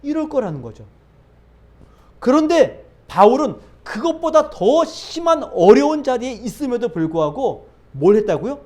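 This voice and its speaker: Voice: mid-range voice, big pitch swings, normal speed, darkish tone. A pastor preaching a sermon, asking rhetorical questions and answering them, building emphasis by repeating phrases. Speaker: pastor who planted a church.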